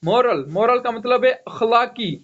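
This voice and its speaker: Slow high-voiced man teaching. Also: a bit bright. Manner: spells words letter by letter, repeats "okay" often. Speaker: English teacher. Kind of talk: online vocabulary lesson. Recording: dull lo-fi online class audio.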